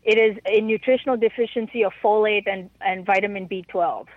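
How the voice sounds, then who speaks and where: Woman, phone-quality audio, dry sound, halting, repeats herself, interviewee. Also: medium pitch, fairly even intonation, dry recording. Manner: halting, stumbling over words. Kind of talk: answering questions in an interview. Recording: tinny phone line.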